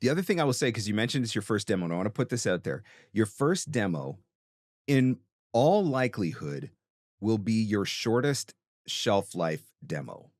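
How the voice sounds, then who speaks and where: In a studio-quality recording with no room sound, this podcast host and voice-over coach talks at an ordinary speed in a lowish, slightly mellow voice whose pitch swings widely. His advice comes across as emphatic and conversational, peppered with rhetorical questions and regular check-ins.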